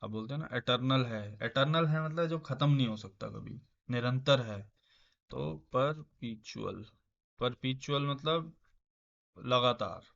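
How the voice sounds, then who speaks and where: Indian guy teaching vocab really slow, repeats stuff, kinda muffled lo-fi audio. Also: mid-range voice, gravelly. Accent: Indian English. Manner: explains slowly with repeated words and chuckles. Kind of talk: casual vocabulary lesson. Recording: dull lo-fi sound.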